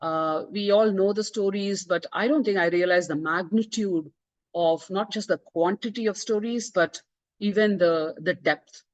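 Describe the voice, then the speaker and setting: Speaking at medium pitch and an unhurried pace, an Indian author whose first language is Tamil presents her book online. The audio is dull and dry with no echo, and her earnest delivery is peppered with "uh," "you know," and restarted phrases.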